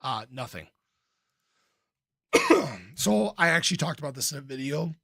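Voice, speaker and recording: Gravelly, slightly hoarse, and middling in pitch, a crypto commentator hosts a casual livestream, reading and answering viewer comments in an informal, playful way. He's animated, sharp-toned, and moderately paced, often clearing his throat. The recording is dry and close, with no room to it.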